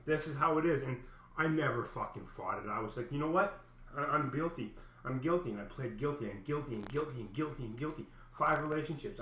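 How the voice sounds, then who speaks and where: In an echoey room with a little hiss or hum, a man with a big, mid-range, pushed and bright voice tells a personal story. He's casual and agitated, rambling on and swearing a great deal.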